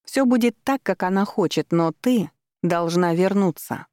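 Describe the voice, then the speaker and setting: A woman's voice: lowish voice, measured pace, a little mellow, dry recording, studio quality, lightly acted. A woman voicing a cruel, scheming middle-aged mother who talks down to her daughter with cold scorn. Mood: coaxing, scornful.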